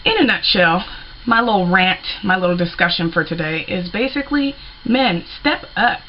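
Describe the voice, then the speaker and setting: Blunt, animated woman ranting to camera. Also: lowish voice, fairly quick, muffled recording, slight background noise. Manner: animated, blunt, colloquial with playful asides. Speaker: vlogger. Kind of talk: casual rant to camera.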